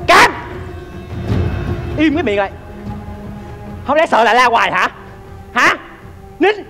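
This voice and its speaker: Stage comedy, a scolding mother, high and lively voice. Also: unhurried, soft background music, heavily acted. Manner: scolding, snappy commands. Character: bossy, tart-tongued mother scolding her daughter.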